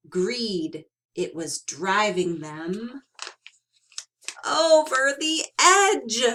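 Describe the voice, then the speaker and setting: In a mid-range voice, a woman brings a children's picture book to life, stressing words dramatically and lengthening them as an expressive storyteller.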